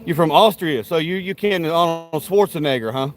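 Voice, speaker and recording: This man runs a live stream from his backyard grill, spouting foul-mouthed, rowdy trash talk and homespun banter as he rambles to his audience. His voice is a little high and a little fast, with slight background noise.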